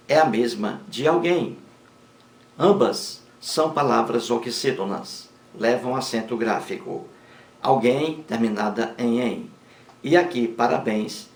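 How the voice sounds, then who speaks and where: Slow, deliberate male grammar teacher. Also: mid-range voice, echoey room. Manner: slow and deliberate, repeats words syllable by syllable for emphasis. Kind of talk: slow explanatory lesson.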